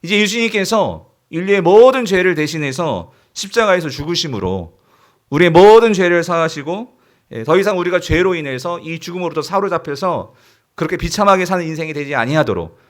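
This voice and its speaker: A man preaching a Sunday sermon in a fairly high voice that swings widely up and down. He keeps posing questions to the congregation and retells a Bible story with vivid, conversational drama. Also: animated, a little fast. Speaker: pastor.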